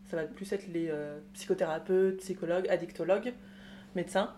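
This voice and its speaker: A woman's voice: on the low side, fairly even intonation, a little fast, mellow, slight background noise. A woman hosting a podcast interview in a chatty, conversational way, with fillers. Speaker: podcast host.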